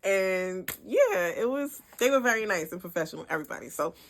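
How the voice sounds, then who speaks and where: A young woman, telling a story in a chatty, animated vlog. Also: mid-range voice, fairly quick. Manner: chatty, animated, frequent "like" and "whatever". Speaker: vlogger.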